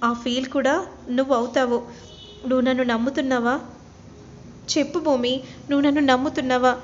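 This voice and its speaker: A woman's voice: high voice, fairly even intonation, fairly quick, a little hiss or hum, close to an everyday voice. A woman voicing an earnest, lovesick young man who keeps pleading for an answer, in a retold serial story. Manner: pleading, insistent. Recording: dull lo-fi recording.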